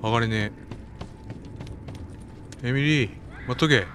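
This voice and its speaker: A man with a Kansai accent giving casual running commentary while playing a game, often telling a character to be quiet. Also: mid-range voice, measured pace, slight background noise. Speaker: game streamer. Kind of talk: casual let's-play commentary.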